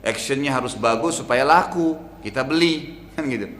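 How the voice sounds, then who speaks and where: A man's voice: medium pitch, moderate pace, a bit bright. A middle-aged male preacher giving a sermon, telling stories and tagging on rhetorical asides. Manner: storytelling, rhetorical "gitu kan" asides. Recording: echoey hall with faint noise.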